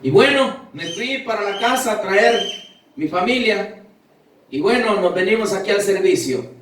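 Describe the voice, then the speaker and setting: A high-pitched man preaches a fervent testimony sermon, acting out conversations as he tells the story. His voice rings through a very echoey church hall and comes from some distance from the mic. The sound is a recording made inside the sanctuary. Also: lively intonation, normal speed, fairly bright tone, a little hiss or hum. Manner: fervent, storytelling with quoted dialogue. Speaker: pastor.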